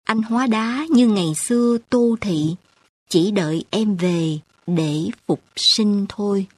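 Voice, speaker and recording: A woman narrating an audiobook with poetry, reading in a slow, lyrical, emotional way. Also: mid-range voice, no room sound.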